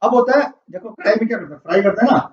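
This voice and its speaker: A man's voice: high-pitched, expressive, very fast. A man teaching a vocabulary lesson, quizzing the class and repeating their answers. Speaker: English teacher. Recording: roomy, distant, dull classroom audio.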